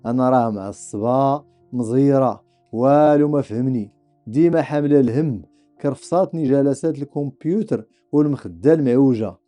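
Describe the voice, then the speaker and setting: A man's voice: medium pitch, a little fast, dark tone, faint music behind, natural voice. A man voicing a weary, irritated female neck vertebra who sighs out her complaints in a spoken podcast skit. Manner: sighing complaint.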